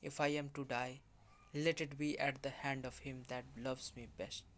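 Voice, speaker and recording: A man voicing a devoted young husband speaking tenderly and gravely to his wife. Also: mid-range voice, little pitch movement, moderate pace, fairly bright tone, slight background noise, close to an everyday voice. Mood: anguished.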